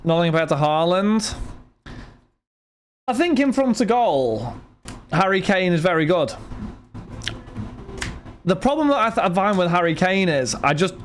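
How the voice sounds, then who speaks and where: A man's voice: high voice, sing-song, a little slow, pauses often, a little hiss or hum. Argumentative man streaming live. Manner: argumentative, incredulous, repeats himself. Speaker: card break streamer. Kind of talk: casual live-stream chat.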